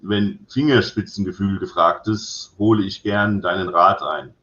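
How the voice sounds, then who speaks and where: A plain-spoken police inspector who gets indignant quickly and says things straight out, as a man reads him aloud. His voice is low, with a roomy, slightly dull sound around it. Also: steady tone, a bit bright. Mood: blunt, indignant.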